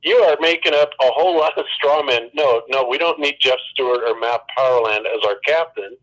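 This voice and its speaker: Calm guy on a call, explains slowly, lots of ums. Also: medium pitch, poor audio. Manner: measured, explanatory, many ums. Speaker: phone guest. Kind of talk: debate over the phone.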